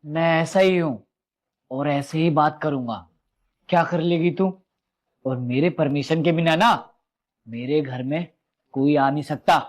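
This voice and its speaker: A man's voice: on the high side, measured pace, pauses often, close to an everyday voice. An actor playing a domineering young husband who talks harshly and hurls insults at his wife and her father. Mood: angry.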